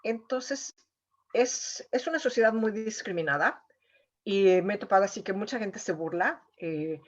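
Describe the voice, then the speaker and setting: A woman's voice: mid-range voice, a little slow, lo-fi sound. Woman telling an emotional story. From Mexico. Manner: emotional, lots of "o sea" and "eh" fillers. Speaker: painter, interview guest. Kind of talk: conversational storytelling.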